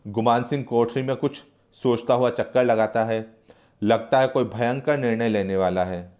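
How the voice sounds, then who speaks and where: A man's voice: mid-range voice, fairly even intonation, normal speed, darkish tone, lo-fi sound. A man teacher who reads a play aloud and then explains each line in plainer words.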